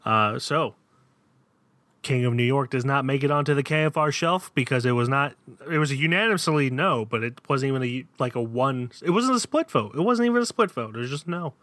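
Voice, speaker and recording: A man's voice: medium pitch, animated, fairly quick, fairly bright tone, no echo. A man co-hosting a podcast, reviewing films in a casual, hesitant way full of fillers. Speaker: podcast co-host. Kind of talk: casual chat.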